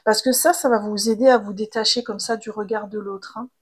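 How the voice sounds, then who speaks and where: A woman, giving a casual, chatty tarot card reading with gentle fillers and restarts. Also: mid-range voice, fairly even intonation, fairly quick, husky. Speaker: tarot reader.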